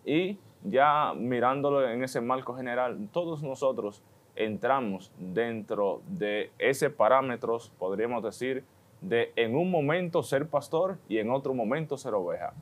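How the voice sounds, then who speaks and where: A man's voice: mid-range voice, measured pace. A man who speaks for those with a religious vocation on a TV panel. He explains the Gospel in a thoughtful, step-by-step way, often linking his points with "entonces.".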